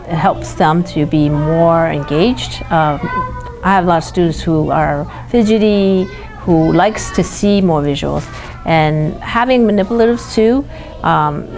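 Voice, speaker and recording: In an interview, a woman teacher with a lowish voice explains her classroom practice, speaking haltingly as she searches for words.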